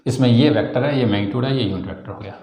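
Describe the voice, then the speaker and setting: A man with an Indian accent teaching a physics class, explaining step by step, calling students "beta" and slowing down to dictate definitions. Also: medium pitch, a little mellow, echoey room. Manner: slow, spelled-out dictation of definitions. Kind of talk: classroom lecture.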